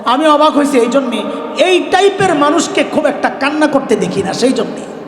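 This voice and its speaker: A middle-aged man preaching a sermon in colloquial storytelling style, rising at times to shouts. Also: very high voice, expressive, moderate pace. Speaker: mosque preacher. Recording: echoey hall with long reverb.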